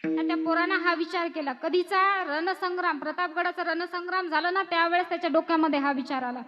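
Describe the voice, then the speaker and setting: A woman's voice: very high-pitched, fairly even intonation, fairly quick, faint music behind. A woman telling a devotional story as a kirtan preacher, acting out voices with emotional swells and addressing women in the audience. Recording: dull lo-fi recording.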